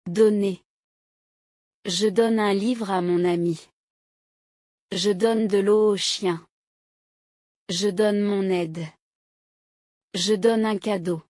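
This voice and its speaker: A woman reads short example sentences one at a time at a very slow, deliberate pace. Her delivery is steady and carefully articulated. She is recorded close and dry, with no room sound around her. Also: mid-range voice, dry recording. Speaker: language teacher reading example sentences.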